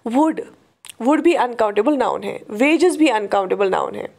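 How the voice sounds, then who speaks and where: High-voiced woman teaching English grammar. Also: lively intonation, vocal fry, darkish tone. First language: Urdu. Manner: explains in Hindi-Urdu, says English examples slowly and deliberately; often checks in with "theek hai" and "right". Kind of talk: classroom lecture.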